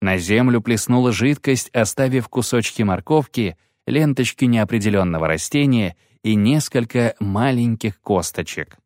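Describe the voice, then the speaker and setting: Expressive male audiobook narrator. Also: medium pitch, moderate pace, hardly any pauses, dry recording, clean studio sound. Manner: expressive storytelling. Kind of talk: scripted narration.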